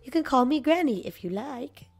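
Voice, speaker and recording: A sweet, gentle grandmother from a cozy farming video game, speaking in a high, quavery old-lady voice, as a woman puts her on. She sounds kindly and welcoming, and her voice sits well above the reader's usual tone with a clearly altered timbre. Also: lively intonation, moderate pace. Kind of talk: reading game dialogue aloud.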